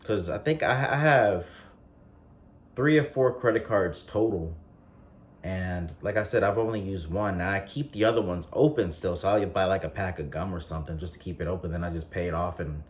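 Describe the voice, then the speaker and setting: Deep-voiced man in his late twenties. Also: a little hiss or hum. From North Carolina. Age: 20s. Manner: relaxed rambling with frequent fillers and restarts. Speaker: vlogger. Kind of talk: casual vlog chat.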